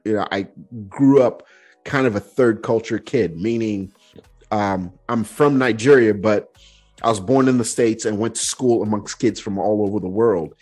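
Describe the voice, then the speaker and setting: A young man hosting a podcast, telling stories in a relaxed, chatty way full of "like" fillers. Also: lowish voice, normal speed, soft background music. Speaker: podcast host. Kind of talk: casual conversational storytelling.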